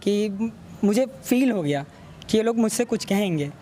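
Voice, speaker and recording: A young man answering a street interview, earnest and measured, calling the reporter sir. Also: high-pitched, expressive, warm tone, slight background noise. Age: young adult.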